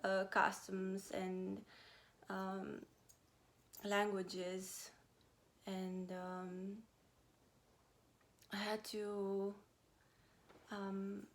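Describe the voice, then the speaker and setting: A woman in her thirties, originally from Romania, talking to her viewers in a casual personal vlog, pausing often with fillers. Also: mid-range voice. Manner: hesitant, many pauses and fillers. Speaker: vlogger. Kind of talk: casual personal talk to camera.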